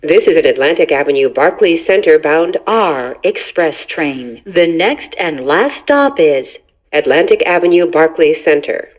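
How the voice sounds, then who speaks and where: A woman's voice: low voice, expressive, measured pace, highs cut off. A woman announcing train stops in prerecorded words spliced together, with abrupt jumps between the joined phrases. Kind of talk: recorded transit announcements.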